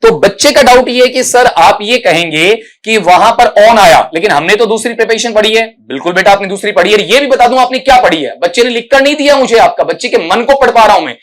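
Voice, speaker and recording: A man's voice: sits high, expressive, a bit bright. A male English teacher giving an exam prep lesson, calling students "beta" and checking "theek hai?" after each point. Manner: explains pronunciation slowly, syllable by syllable.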